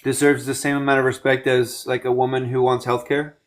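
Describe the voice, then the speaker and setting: This livestream host, a man in his twenties, speaks a little fast in a flat, medium-pitched voice. He keeps the conversation casual yet debates a guest, firing questions and interrupting to complete his own point.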